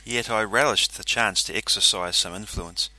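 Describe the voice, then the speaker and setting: Low-voiced man reading a story. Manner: steady, measured storytelling. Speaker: audiobook narrator. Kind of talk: scripted narration.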